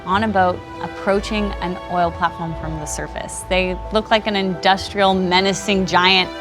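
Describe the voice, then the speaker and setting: A woman's voice: lowish voice, fairly even intonation, moderate pace, over music. A woman speaking as a marine consultant in a documentary interview.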